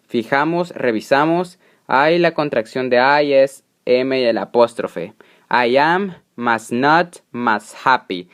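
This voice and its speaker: A male teacher whose first language is Spanish walks through grammar slowly and patiently. He speaks at an unhurried pace and repeats every example. His pitch sits in a middle range. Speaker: English teacher. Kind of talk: slow explanatory grammar lesson.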